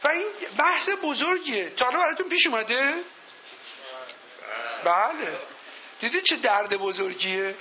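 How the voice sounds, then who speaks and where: A man with a strikingly high, piercingly bright voice gives a motivational seminar talk, swinging his pitch up and down as he goes. He tells folk anecdotes and keeps turning to the live audience with questions. The sound is a dull, lo-fi recording. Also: lively intonation, pauses often. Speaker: motivational speaker.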